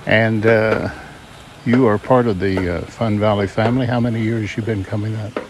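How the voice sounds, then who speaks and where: A folksy man with a Southern Illinois drawl interviews campers in an easygoing, joking way. His voice sits fairly low. A faint outdoor hum runs behind him. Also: fairly even intonation, moderate pace. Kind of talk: casual interview. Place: campground outdoors.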